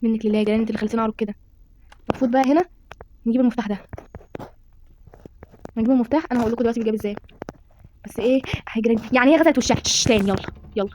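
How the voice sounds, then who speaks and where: A woman with an Egyptian accent gives rapid-fire commentary on a horror game, calling out to her viewers with dramatic exclamations. Her voice sits a little high and races along. A faint hiss sits under the recording. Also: a little mellow. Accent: Egyptian Arabic. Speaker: gaming streamer.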